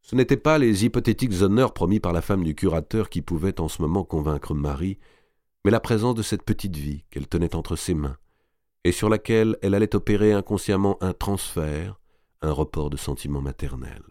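A man narrating a historical novel in a measured, literary reading. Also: low voice, expressive, warm tone, no echo, studio quality. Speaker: audiobook narrator.

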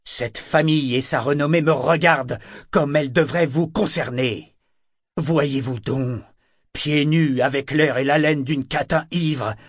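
A man's voice: medium pitch, husky, no echo, clean studio sound. A man reading an audiobook, voicing a stern sea captain who growls out furious accusations.

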